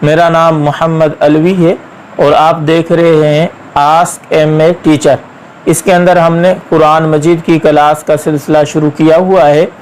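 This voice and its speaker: Male teacher, high register, unhurried delivery, patient syllable-by-syllable drilling. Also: flat delivery, a little mellow, a little hiss or hum, poor audio. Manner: patient, drawn-out syllable-by-syllable spelling. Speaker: Quran reading teacher. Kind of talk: slow step-by-step recitation lesson.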